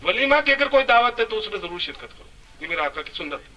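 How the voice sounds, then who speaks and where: High bright-voiced preacher, distant mic. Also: male voice, sing-song, fast talker, dull audio. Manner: emphatic, rising and falling delivery. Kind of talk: Urdu-Hindi sermon.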